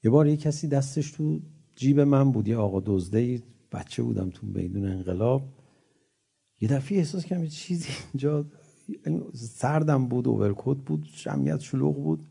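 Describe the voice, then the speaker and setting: Gravelly, animated male preacher. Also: mid-range voice. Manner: chants scripture verses slowly, then explains them in lively talk; animated storytelling with rising emphatic peaks. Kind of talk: religious sermon.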